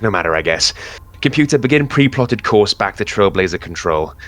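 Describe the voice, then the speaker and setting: Man acting a lively, low-voiced wry space explorer. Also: brisk. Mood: resigned, wry. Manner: talks to himself, sarcastic, playful. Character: chatty, wry, weary lone male space explorer. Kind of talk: science fiction audio drama acting.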